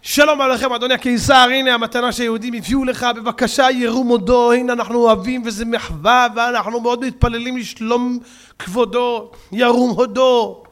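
A man's voice: extremely high pitch, steady tone, fairly bright tone, voice pushed up. A man voicing a humble, courteous rabbi who speaks deferentially to an emperor he does not recognize. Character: humble elderly male rabbi, polite and bewildered.

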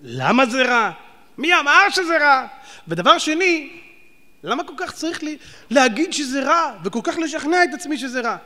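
A man preaching a sermon, animated and firing rhetorical questions at his audience. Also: extremely high pitch. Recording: long hall reverb.

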